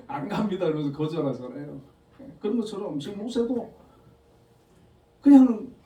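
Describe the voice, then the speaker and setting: A male pastor giving a Sunday morning sermon in a conversational, animated storytelling manner with frequent chuckles. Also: sits high. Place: church sanctuary. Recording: echoey hall, voice from a distance.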